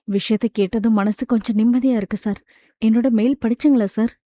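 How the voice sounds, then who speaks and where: A woman's voice: on the high side, fairly even intonation, brisk, dark tone, no echo, natural voice. A woman voicing an emotional young woman who pleads and apologises in an audiobook. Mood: hopeful. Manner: pleading, tearful. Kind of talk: audiobook character voice.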